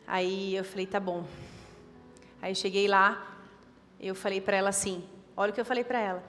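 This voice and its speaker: A woman's voice: medium pitch, little pitch movement, normal speed, fairly bright tone, big-room sound, soft background music. A woman with a Brazilian Portuguese accent preaching a sermon, urging and repeating her points with emphasis. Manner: emphatic, repetitive exhortation. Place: church.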